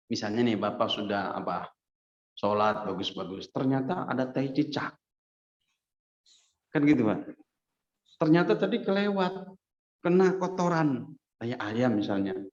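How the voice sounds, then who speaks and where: A man preacher giving a casual, lively hadith lesson in a mosque, often turning to his listeners and acting out quotes. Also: medium pitch. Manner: lively, addresses listeners as Pak, acts out quotes. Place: mosque hall. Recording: echoey dull mosque recording.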